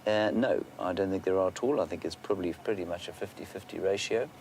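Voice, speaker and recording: A man working as a safari guide, giving unscripted live wildlife commentary and answering viewer questions, sometimes hushed toward a near-whisper. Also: low-pitched, quick pace, gravelly. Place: outdoors in an open safari vehicle. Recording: outdoor vehicle and bush ambience noise.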